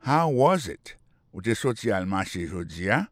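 A man's voice: fairly low pitch, big pitch swings, moderate pace, no echo, clean studio sound. A man hosting a radio language lesson, patiently repeating phrases and spelling words out letter by letter. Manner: explanatory and patient. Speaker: English teacher and radio host.

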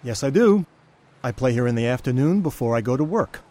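A man's voice: mid-range voice, expressive, moderate pace, dark tone, natural voice. A man voicing a polite, friendly street violinist who also works as a waiter, in a scripted lesson dialogue. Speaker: street musician.

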